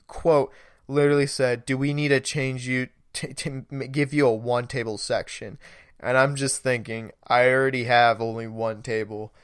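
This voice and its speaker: A man's voice: mid-range voice, no room sound, studio quality. A young man hosting a podcast, telling a rambling story in a casual way, laughing and swearing now and then. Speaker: podcast host.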